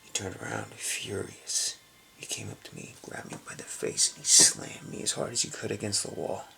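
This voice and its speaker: A man playing a gravelly hushed tough guy. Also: very animated, moderate pace, a little hiss or hum, heavily acted. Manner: hushed, low confessional storytelling, often near a whisper. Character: hardened adult man from a rough Brooklyn upbringing. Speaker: actor. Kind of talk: dramatic film monologue.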